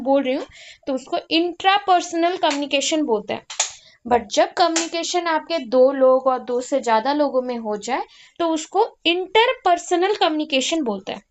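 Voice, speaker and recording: High-voiced woman explaining lesson points. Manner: mixes English terms into Hindi, lists items one by one. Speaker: teacher. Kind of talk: explaining lecture notes.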